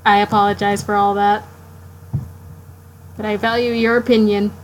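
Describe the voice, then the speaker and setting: A woman's voice: mid-range voice, little pitch movement, a little hiss or hum, low-quality recording. Sleepy woman rambling while she draws. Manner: rambling, halting, talks to herself while drawing. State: sleepy, yawning late at night. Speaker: art streamer. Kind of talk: casual live-stream self-talk.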